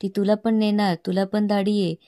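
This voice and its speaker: A woman's voice: medium pitch, level tone, normal speed, warm tone, no echo, clean studio sound, lightly acted. A woman voicing a possessed middle-aged village man who raves wildly. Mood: raving. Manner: raving.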